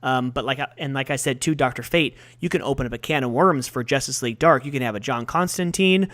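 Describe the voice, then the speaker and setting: A man co-hosting a comics podcast, talking in a loose, excitable, rambling way. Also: medium pitch, quick pace. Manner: excitable, rambling, quotes movie lines in put-on voices. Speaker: podcast co-host. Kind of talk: casual chat about comics and movies.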